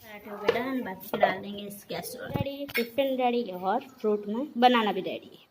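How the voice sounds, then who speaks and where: Hurried young woman vlogging from a busy kitchen. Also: medium pitch, heavy background noise. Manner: bustling and hurried, talks to viewers while cooking. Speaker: mother and family vlogger. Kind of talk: casual vlog narration. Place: home kitchen. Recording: echoey room with clattering dishes.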